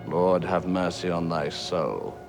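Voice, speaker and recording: An actor playing a stern judge who solemnly intones a sentence in a period film. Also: male voice, deep voice, gravelly, heavily acted. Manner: solemn, formal, measured intoning. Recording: long echoing hall reverb, faint music.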